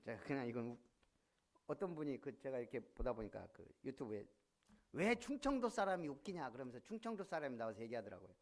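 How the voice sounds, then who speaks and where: Animated man preaching a sermon. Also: medium pitch, fast. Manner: animated, asks the congregation questions. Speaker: pastor. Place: church sanctuary.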